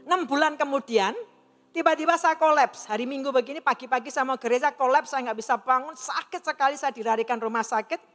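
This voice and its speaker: Quick and high-pitched with a fairly bright tone, a middle-aged woman gives a sincere testimony in a large hall as soft music plays. She acts out the words of the people in her story, and a long reverb lingers around her voice.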